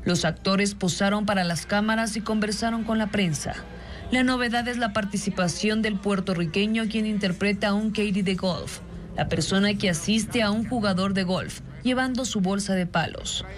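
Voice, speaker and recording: A woman entertainment reporter reading a scripted news voice-over in a brisk, even way. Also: medium pitch. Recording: voice-over with music bed.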